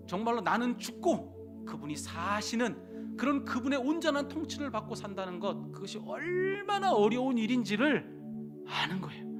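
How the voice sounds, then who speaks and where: A man preaching a sermon as pastor, swinging between loud urgent phrases and hushed whispers, and acting out biblical dialogue in casual speech. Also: high voice.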